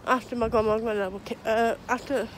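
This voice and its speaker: A young vlogger with a cold, sore throat and runny nose gives a rambling, hesitant update while walking dogs on a street, her voice thick and clogged. It sits on the high side with fairly even intonation and a fairly quick pace. She's full of restarts and fillers, recorded on a phone held low at arm's length amid traffic noise.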